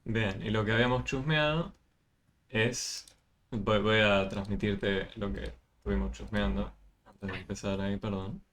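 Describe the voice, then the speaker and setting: A man's voice: on the low side, steady tone, measured pace, fairly bright tone, a little hiss or hum. A man tutoring math over a video call, explaining step by step with many fillers. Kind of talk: online tutoring session.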